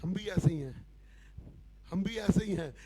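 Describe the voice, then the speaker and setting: A man's voice: high-pitched, measured pace, dark tone. A man preaching a fervent church sermon as pastor, calling out to the congregation and chanting refrains with them. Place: church service.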